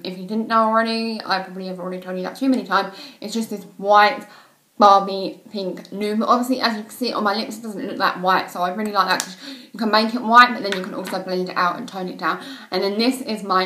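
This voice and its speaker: A woman's voice: mid-range voice, sharp tone, reverberant, low-quality recording. A woman chatting casually to camera about makeup, gushing and filling her talk with "like" and "um". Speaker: beauty vlogger.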